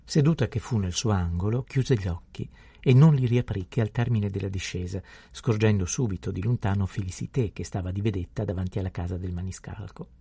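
A man reads a literary novel aloud in a measured, expressive manner. His low voice has a gravelly, husky texture. The recording is close and dry, with no room sound. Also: dry recording. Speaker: audiobook narrator. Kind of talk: scripted literary narration.

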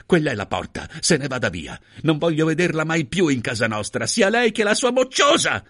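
A man voicing a furious housewife who orders a guest out in a shrill, shouting voice. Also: animated, fairly quick, slightly rough. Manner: screaming, shrill. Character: furious older housewife, fierce and protective.

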